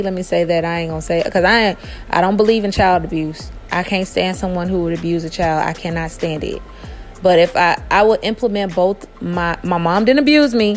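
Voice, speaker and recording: A woman in her thirties hosting a podcast, talking casually and directly to her listeners. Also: lowish voice. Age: 30s. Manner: chatty, talks straight to listeners with "y'all". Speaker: podcast host. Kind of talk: casual monologue.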